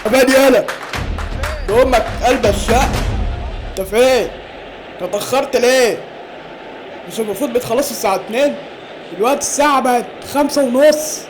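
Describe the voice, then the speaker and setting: A woman's voice: fairly high pitch, quick pace, long pauses, noisy background, lightly acted. A woman voicing a stern, scolding father. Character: angry strict father hunting his son. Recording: music behind the voice.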